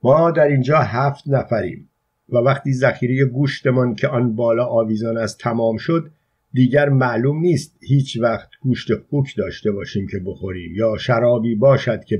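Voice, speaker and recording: A man's voice: darkish tone, slightly rough, lo-fi sound. A man reading a stern, thrifty old peasant woman. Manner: measured, firm, low-voiced.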